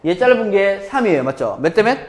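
Guy teaching math in a classroom, high animated voice, echoey room. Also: quick pace. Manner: lively, constantly checking with students. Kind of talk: live classroom lecture.

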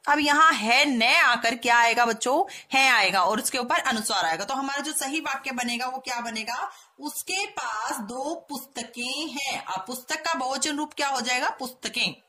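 A woman teacher giving a patient grammar lesson to schoolchildren, often repeating key words and reading example sentences slowly. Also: sits high, sharp tone. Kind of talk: online Hindi grammar lesson for children.

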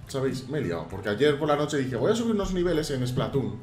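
A man giving casual let's-play commentary, animated and prone to shouted exclamations. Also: medium pitch, fast talker. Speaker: gaming YouTuber. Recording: roomy sound with faint game music.

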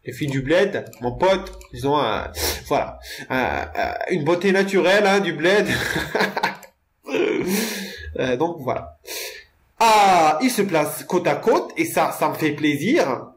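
A young man talks through his gameplay at an unhurried pace, his voice sitting a bit high for a man. He jokes and rambles to his viewers and keeps stumbling over repeated words. He sounds close to a desk microphone. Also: expressive. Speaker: gamer narrating his own play. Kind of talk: casual let's-play commentary.

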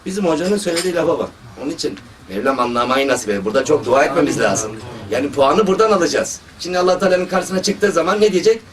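A man's voice: a little high, quick pace, hardly any pauses, a crowd in the background. A man, a surgeon, giving a religious talk and telling stories from his work, quoting people as he goes. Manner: storytelling, lively quoting of others. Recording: distant mic with faint background noise.

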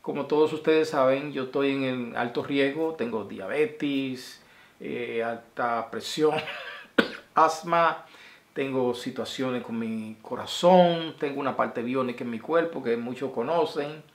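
A man's voice: mid-range voice, measured pace. A man, talking casually and affectionately to his viewers in a video message, rambling and sending blessings from a small room at home. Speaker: vlogger. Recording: roomy echo.

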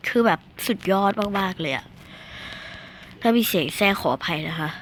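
A young woman chattering excitedly through casual gameplay commentary, squealing at near misses and talking to her viewers. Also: fairly low pitch, moderate pace. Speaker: gaming video host.

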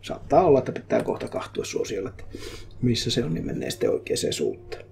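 A man giving casual commentary while he plays a game live, chatty and prone to excitable outbursts in English. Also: mid-range voice, gravelly, a little hiss or hum. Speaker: streamer. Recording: game music behind voice. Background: game music.

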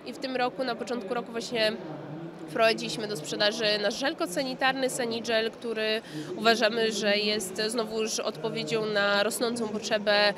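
Slightly high and level, this woman's voice moves at a moderate pace as she answers questions in a spontaneous interview at a trade fair. In her thirties and working as a company marketing manager, she's enthusiastic and explanatory, speaking into a handheld microphone just below frame in front of a backdrop in an indoor exhibition hall, with crowd noise all around.

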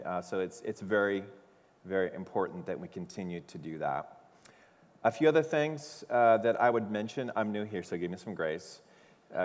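A man making live church announcements from the stage in a loose, upbeat way with plenty of fillers. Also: fairly low pitch. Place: church sanctuary. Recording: long reverb of a large church hall.

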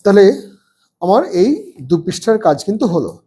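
A man teaching a first-grade English lesson, spelling words out slowly letter by letter. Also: high voice, animated, warm tone, breathy edge.

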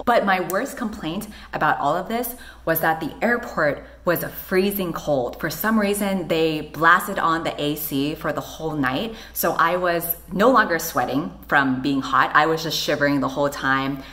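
A woman's voice: deep voice, measured pace. A woman in her twenties telling a sarcastic, profane storytime vlog to camera in a small room. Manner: animated, sarcastic, swears a lot, gestures broadly. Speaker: vlogger. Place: small plain room indoors.

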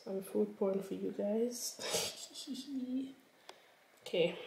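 A woman's voice: mid-range voice, extremely slow, creaky, background noise. A young woman chatting casually in a home cooking vlog, rambling along with lots of filler words. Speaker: vlogger. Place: home kitchen. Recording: echoey kitchen, distant camera mic, kitchen clatter.

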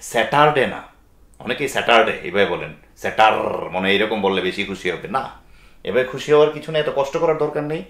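Male pronunciation teacher, lively pitch, patient step-by-step explainer, echoey room. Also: fast talker. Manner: explains step by step, spells out letters, mixes in English phrases. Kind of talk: spoken lesson. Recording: roomy echo.

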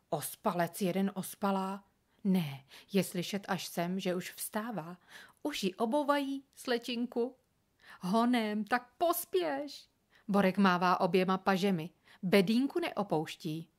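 A woman reading a children's story aloud with expressive, animated narration. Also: mid-range voice. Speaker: reader.

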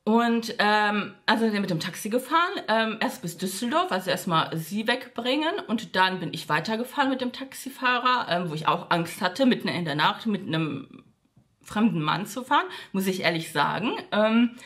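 A woman's voice: expressive, normal speed, fairly bright tone. Chatty woman telling a storytime. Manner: acts out quoted dialogue with shifts in pitch; frequent fillers and asides to viewers. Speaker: vlogger. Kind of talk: casual storytime monologue.

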